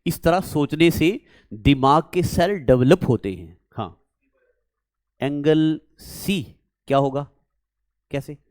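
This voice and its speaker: A man's voice: on the high side, lively intonation, slow pace, pauses often, darkish tone, no echo, clean studio sound. A man teaching a maths class, coaxing students and asking them questions as he works through a problem. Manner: coaxing, repeats words, asks students questions.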